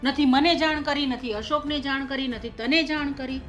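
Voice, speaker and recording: An actress playing a stern middle-aged mother who presses her daughter-in-law about her son's missing money, insistent and accusing, with soft music behind. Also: sits high, steady tone, moderate pace, dull audio. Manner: accusing, insistent, lists sums and grievances. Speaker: actor in a family drama. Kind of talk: short-film drama acting. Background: soft background music.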